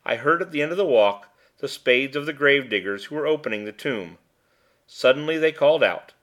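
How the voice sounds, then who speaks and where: Guy reading an old story out loud, steady and measured, mid pitch. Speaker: audiobook reader. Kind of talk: scripted narration.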